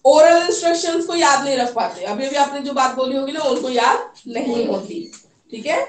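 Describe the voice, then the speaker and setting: A woman teaching a class of trainee teachers, explaining at length and checking in often with a quick "okay". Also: sits high. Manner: explains with repeated "theek hai", mixes English terms. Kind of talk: classroom lecture. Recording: echoey room, voice from far off.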